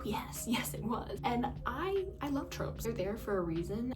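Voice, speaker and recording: A young woman giving casual vlog commentary on a film, candid and chatty with comic exaggeration. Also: mid-range voice. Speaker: film reviewer. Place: decorated room at home. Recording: distant mic with lofi music behind.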